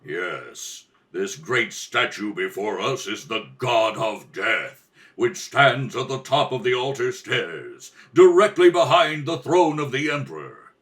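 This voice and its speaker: A man's voice: medium pitch, lively intonation, slow pace, a bit bright, voice pushed down. Guy doing a noble warrior prince, archaic and formal, takes his time, radio serial style. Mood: grave. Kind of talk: old-time adventure radio serial acting.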